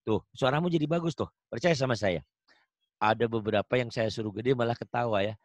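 A man teaching Quran recitation over an online call, chatting and coaching, then chanting example verses slowly and melodically. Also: medium pitch, no room sound. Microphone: video call.

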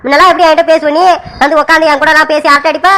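A woman plays a stern middle-aged village father in a cartoon family serial, prodding his daughter with question after question and lecturing her about family honor. The voice sits high and bright and rushes along very quickly. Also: level tone. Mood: coaxing. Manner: coaxing, pressing questions, lecturing.

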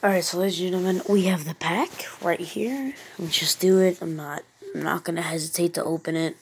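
A woman giving casual, deadpan commentary over a phone screen recording while playing a mobile card game. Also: on the low side, a little fast, a little hiss or hum. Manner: laid-back, deadpan sarcasm. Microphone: phone mic.

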